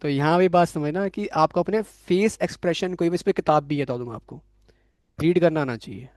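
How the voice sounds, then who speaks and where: A man's voice: on the high side, brisk, darkish tone, no echo, clean studio sound. A young man teaching a programming class, giving blunt career advice and checking in often with his students. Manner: frank, coaching tone, frequent "theek hai" check-ins. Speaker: programming course instructor. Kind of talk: classroom lecture with live and online students.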